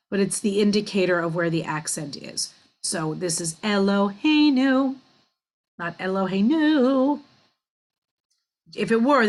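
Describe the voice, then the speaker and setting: A woman teaching cantillation in a class, explaining slowly and chanting the syllables in a drawn-out sung voice. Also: medium pitch, poor audio. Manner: wry and self-deprecating with small laughs. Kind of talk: online class teaching Torah trope.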